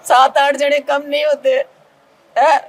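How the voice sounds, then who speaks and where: A woman's voice: sits high, little pitch movement. A tearful woman, a relative of the dead man, answering a reporter in pleading, broken sentences outside a police station. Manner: distraught, pleading, rapid and broken. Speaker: victim's relative. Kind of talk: emotional interview answers.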